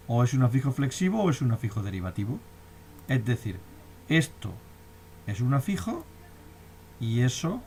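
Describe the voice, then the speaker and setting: In a recorded lecture, a male teacher with a Spanish accent and a mid-range voice walks through a grammar lesson step by step, often asking whether the class has understood. A slight hiss or hum is audible.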